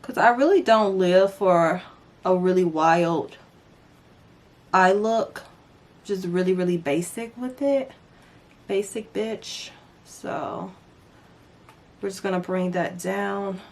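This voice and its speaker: A woman's voice: medium pitch, takes it slowly, pauses often, a little mellow. A young woman talking through a makeup tutorial in a casual, chatty way, with playful asides to her viewers. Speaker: beauty vlogger.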